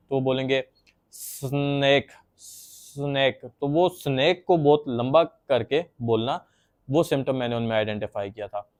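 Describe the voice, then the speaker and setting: A man's voice: mid-range voice, a little mellow. A man giving a patient, plain explanatory lecture on psychology, acting out stuttering examples as he goes.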